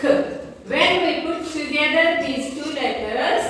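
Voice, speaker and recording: Woman teacher, high voice, slow call-and-response pronunciation drill, echoey classroom heard from afar. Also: bright, forceful tone. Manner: slow, clear, repeats words for pupils to echo. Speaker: primary school teacher. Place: school classroom. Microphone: distant camera mic. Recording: echoey classroom from far off, faint noise. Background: children repeating in a classroom.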